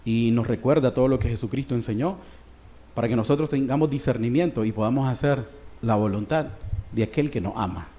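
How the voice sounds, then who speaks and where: A male pastor preaching a sermon, swinging between raised passages and hushed ones. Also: medium pitch, a little fast.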